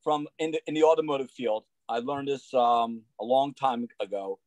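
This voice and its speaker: A man's voice: medium pitch, moderate pace, no echo, low-quality recording. Upbeat man in his sixties, dry sound. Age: 60s. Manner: upbeat, energetic, many "you know" fillers. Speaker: guest, roofing salesman. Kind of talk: casual interview chat.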